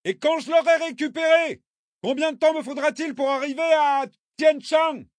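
A tense young man asks one worried question after another in a voice pitched well above the reader's own, as a man reads his lines. The recording is dry and close, like a studio audiobook. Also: normal speed, no echo. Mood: anxious. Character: young man in a kayak, irritated and anxious.

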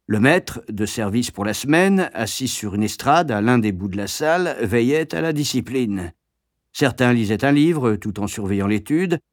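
A man reading a memoir aloud in a measured, wry storytelling manner. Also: mid-range voice, no room sound, studio quality. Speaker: audiobook narrator. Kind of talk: scripted memoir narration.

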